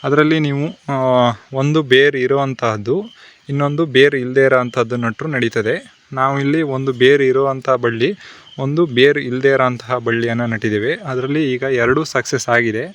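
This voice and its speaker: A man's voice: mid-range voice, fairly even intonation, normal speed. Man giving casual farming tips. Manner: unscripted, many fillers and restarts. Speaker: farming channel host. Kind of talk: casual farming how-to talk.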